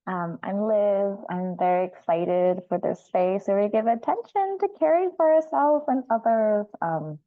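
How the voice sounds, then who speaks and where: A woman's voice: mid-range voice, expressive, a little slow, hardly any pauses, dry recording. A woman from Central Florida who has worked on a farm, introducing herself in an online support circle, friendly and hesitant, with fillers, over a video call. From Central Florida, USA. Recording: tinny phone-like video call audio.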